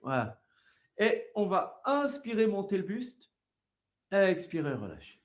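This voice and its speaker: A man with a French accent leads a yoga class over a video call. His voice sits fairly high, and he paces his breathing cues slowly and calmly. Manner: slow, calm breathing cues. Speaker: yoga teacher.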